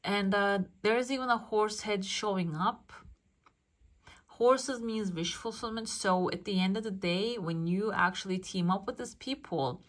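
Woman fortune teller, mid-pitched voice, casual reading, musing and interpreting aloud for the viewer. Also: measured pace. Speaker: fortune teller, channel host. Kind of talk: casual coffee cup fortune-telling reading.

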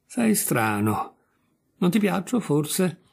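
A man voicing a stern, steady male hunting dog that calmly insists in a storybook reading. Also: high voice, takes it slowly, creaky, husky, voice pushed up, exaggerated voice. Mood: firm.

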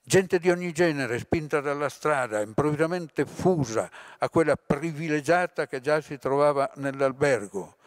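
A man's voice: on the high side, lively intonation, normal speed, no echo. Man reading a novel aloud, dry sound. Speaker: literature lecturer. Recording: dry close recording.

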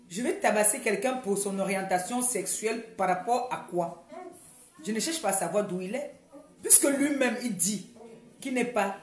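A woman's voice: mid-range voice, darkish tone, roomy sound. A woman speaking in a casual vlog monologue, emphatic and repetitive, often hesitating and restarting her sentences. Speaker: vlogger.

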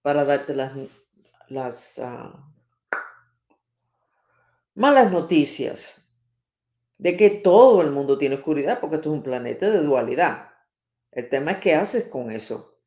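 A woman's voice: sits low, lively intonation, a little slow, pauses often, mellow. Emphatic woman astrologer in a roomy space. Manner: emphatic and dramatic, acts out each sign. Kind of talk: spoken horoscope reading. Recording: roomy echo.

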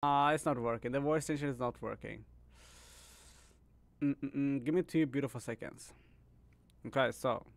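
A young man chats loosely through a live gaming stream, laughing and tossing out "bro" and "man" between plays. His voice has a gravelly fry, and the sound is dry and close with no room around it. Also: medium pitch, a little slow, long pauses, dry recording. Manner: laid-back, laughs often, says "bro" and "man" a lot.

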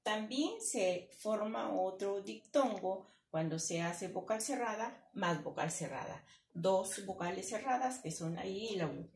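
A woman with a Peruvian Spanish accent teaching a primary class, explaining slowly and patiently, step by step. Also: mid-range voice, animated, a little mellow. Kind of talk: classroom lesson with opening prayer. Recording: echoey room with faint background noise.

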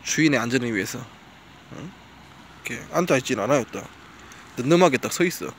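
A man's voice: medium pitch, expressive, fast talker, a little hiss or hum. A man chatting casually to camera while walking his dog by a riverbank outdoors, now and then coaxing the dog. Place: outdoors by a gravel riverbank at dusk.

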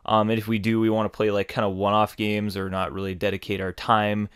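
A man's voice: on the low side, completely flat delivery, a little fast, smooth, no room sound, studio quality. A man talking casually to his viewers in a rambling, apologetic manner as a gaming host. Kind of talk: casual unscripted announcement to viewers. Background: music.

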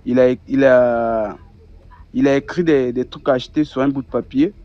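A man's voice: medium pitch, moderate pace, dry recording. Young man, lo-fi. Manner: animated, repeats words, acts out dialogue. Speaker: guest giving a testimony. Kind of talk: personal testimony storytelling. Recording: dull lo-fi recording.

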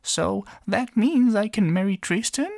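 A man's voice: high-pitched, expressive, measured pace, vocal fry, darkish tone, no room sound, clean studio sound, pitched above the performer's own voice, exaggerated voice. A man voicing a small young princess in a storybook reading, with a pleading, girlish manner.

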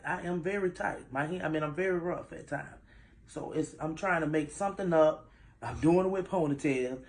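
A middle-aged woman, a single mother, chatting and rambling to her viewers. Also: deep voice. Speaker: single mom vlogging. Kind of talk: casual chat to viewers.

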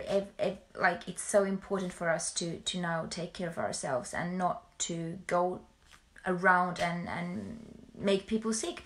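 A woman's voice: on the low side, fairly bright tone. A young adult woman from Finland chatting casually on a livestream, hesitant and often repeating her words as she goes. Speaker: musical performer livestreaming to followers. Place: small bedroom at home, indoors. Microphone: phone or webcam at arm's length.

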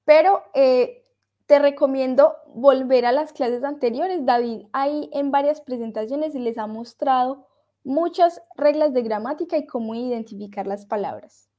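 A woman with a fairly high voice leads a French lesson, explaining in Spanish and switching back to French. She talks at an unhurried pace. She says tricky words over and over, so her students can hear each sound. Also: warm tone. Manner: slow, repeats words to drill pronunciation. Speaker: French teacher. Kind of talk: online language lesson.

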